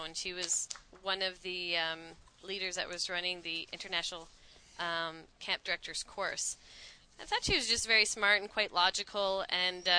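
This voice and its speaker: A woman's voice: on the low side, sharp tone, clean tone, low-quality recording. A woman from Canada co-hosting a casual chat podcast, chatting about a book she recommends. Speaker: podcast co-host.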